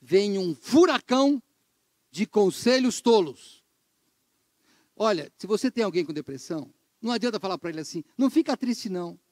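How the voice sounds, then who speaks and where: A middle-aged Brazilian man preaching a sermon as pastor, animated, acting out quoted complaints and dropping to a hushed voice for emphasis. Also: normal speed, dry recording. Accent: Brazilian Portuguese. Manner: animated, acts out quoted complaints with sudden pitch jumps; drops to a hushed low voice for emphasis.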